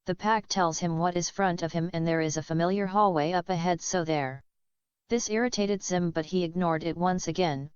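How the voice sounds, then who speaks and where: A woman reading a fan-made cartoon story aloud in a plain, halting way. Her voice is lowish, smooth and clear, and the recording is close and dry but dull and lo-fi. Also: dry recording. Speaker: narrator.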